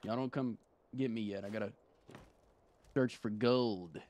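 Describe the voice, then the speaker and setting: Over steady background noise, a young male gaming video host offers casual, profane commentary on his gameplay, joking and trash-talking the enemies he fights. His voice is on the low side and unhurried.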